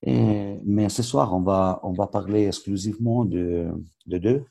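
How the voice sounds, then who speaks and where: A man with an Italian accent presents a coaching webinar in a low, gravelly, soft-edged voice. He goes slowly and haltingly, searching for words in a language that is not his own. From Switzerland. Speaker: football coach educator.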